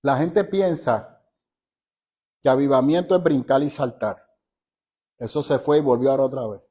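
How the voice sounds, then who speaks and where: A man teaching a Bible study in a conversational way, emphatic, asking his listeners rhetorical questions and slowing down to stress key phrases. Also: medium pitch, dark tone, breathy edge.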